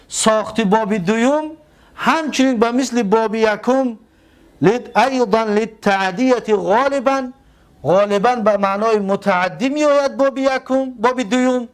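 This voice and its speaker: A man teaching an Arabic grammar lesson. He asks the class questions and answers them himself, and he draws out and repeats example words slowly. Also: sits high. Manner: slow drawn-out repetition of example words.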